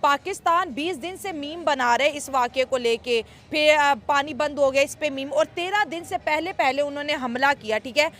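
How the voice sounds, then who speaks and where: A woman's voice: sits high, moderate pace, hardly any pauses, fairly bright tone. A woman host with a Pakistani Urdu accent, questioning a guest and speaking straight to viewers. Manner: questioning, addresses viewers directly. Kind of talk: street interview and commentary to viewers.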